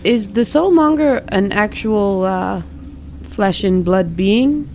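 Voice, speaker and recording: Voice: medium pitch, lively intonation, slow pace, a little mellow, a little hiss or hum. A tabletop player asking questions in a hesitant way. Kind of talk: casual tabletop play.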